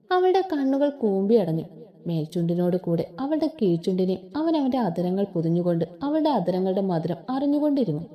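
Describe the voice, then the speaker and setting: A woman reading a romance story aloud, voicing every character. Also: mid-range voice. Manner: expressive reading, voices all characters.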